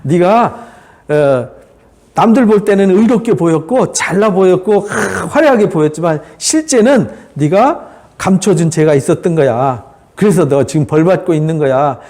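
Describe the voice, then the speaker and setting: A man's voice: sits high, lively intonation, moderate pace, darkish tone. A man voicing a self-righteous male friend who lectures and blames a sufferer. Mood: accusing. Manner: lecturing, blaming.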